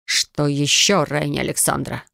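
A woman reading an audiobook and voicing a stern, dismissive male warlord with measured, clipped refusals in a dry, close sound. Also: low voice, level tone, creaky, fairly bright tone, dry recording, exaggerated voice. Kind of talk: audiobook narration.

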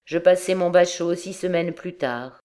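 A woman narrating an audiobook in a measured, steady storytelling manner. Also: on the low side, soft background music. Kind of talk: scripted narration.

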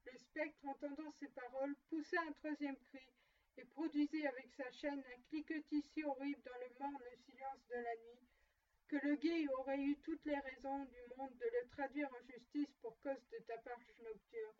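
A woman reads a classic tale aloud in a steady, measured way. Her voice sits high. The recording is dull and picked up from a distance. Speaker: narrator. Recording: muffled and distant.

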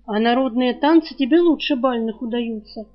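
A sardonic young foreign man, voiced by a woman reading an audiobook, who teases in a dry, mocking way. The voice stays close to the reader's own, fairly high for a man. The recording is dull and lo-fi. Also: normal speed, close to an everyday voice. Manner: dry, teasing. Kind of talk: audiobook character voicing.

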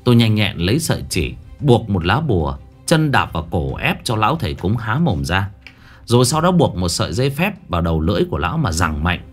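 Lively low-voiced man telling a ghost story. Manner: animated, dramatic storytelling.

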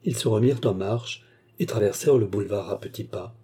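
Dark-voiced husky male narrator. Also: fairly low pitch, brisk. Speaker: audiobook narrator. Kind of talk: scripted narration of a novel.

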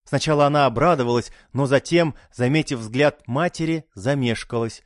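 A man narrating an audiobook in an expressive, dramatic reading style. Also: mid-range voice, moderate pace, no room sound, clean studio sound.

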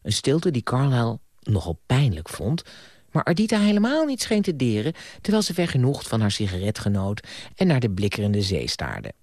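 Expressive male audiobook narrator. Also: medium pitch, moderate pace, no room sound, clean studio sound. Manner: expressive storytelling.

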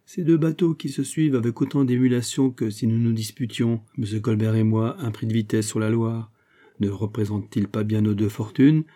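A man's voice: fairly low pitch, fairly even intonation, brisk, mellow, lightly acted. A man voicing a haughty French nobleman. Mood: grave, hushed. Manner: haughty and imperious. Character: proud, commanding male French financier.

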